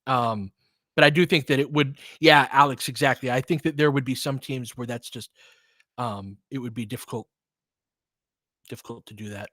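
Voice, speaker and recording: A man of medium pitch and sharp tone talks at normal speed while doing live play-by-play for fans, mixing easygoing chat replies with curt calls of the action. The casual basketball commentary is recorded dry with clean studio sound.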